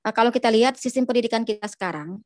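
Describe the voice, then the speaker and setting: Animated lively-storytelling woman, from Indonesia, dry close sound. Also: fairly high pitch, racing, no echo. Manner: animated storytelling with many fillers and acted-out quotes. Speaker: guest speaker. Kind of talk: informal religious talk in a podcast.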